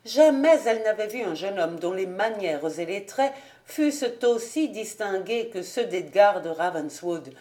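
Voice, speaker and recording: A woman reading a classic novel aloud as an audiobook, in a measured, clear narration. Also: mid-range voice, lively intonation, a little mellow. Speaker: audiobook reader. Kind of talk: scripted literary narration.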